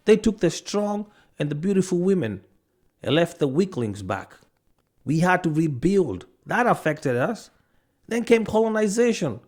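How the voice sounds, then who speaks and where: A man's voice: high-pitched, sing-song, unhurried, darkish tone. Man from Africa ranting to camera. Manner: argumentative, fires off rhetorical questions; stops to check notes mid-rant, with restarts. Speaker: video commentator.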